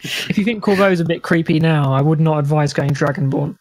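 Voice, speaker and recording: A man's voice: on the high side, brisk, dry recording. A man casually explaining rules to players as the game master of a tabletop game.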